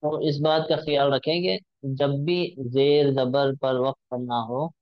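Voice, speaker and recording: A man's voice: mid-range voice, fairly even intonation, measured pace, smooth, dry recording, muffled recording. A male teacher giving a patient recitation lesson, drawing out sounds to demonstrate them.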